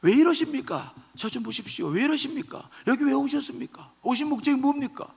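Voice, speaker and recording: Man playing pleading servant, coaxing, high and gravelly, room echo. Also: big pitch swings, moderate pace, fairly bright tone, full character voice. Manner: pleading, coaxing, rhetorical questions. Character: wise humble servants pleading with their master.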